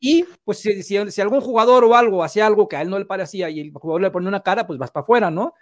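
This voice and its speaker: High-voiced interviewer. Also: male voice, very fast. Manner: long rambling questions, frequent short backchannels. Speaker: interviewer, host. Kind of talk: casual interview.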